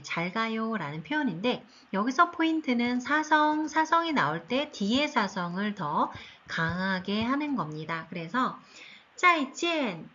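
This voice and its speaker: Female language teacher for an online seniors' class, slow and patient, lively pitch, slightly husky. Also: muffled recording. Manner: slow, patient, drawn-out tone demonstrations. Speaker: Chinese teacher. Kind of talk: recorded online lesson for seniors.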